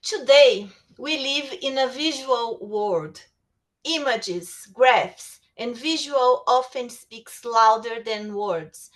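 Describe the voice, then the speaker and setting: In a low-quality recording, a woman lectures slowly on writing tools for a webinar, her voice a little high. Portuguese is her first language, and she reads prepared material with minor restarts.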